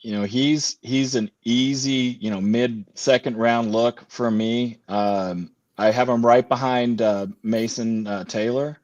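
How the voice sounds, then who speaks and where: A man's voice: medium pitch, steady tone, slow, few pauses, darkish tone, no echo. A man talking fantasy football as a podcast guest in casual chat, rambling with lots of fillers and restarts. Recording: dull lo-fi remote audio.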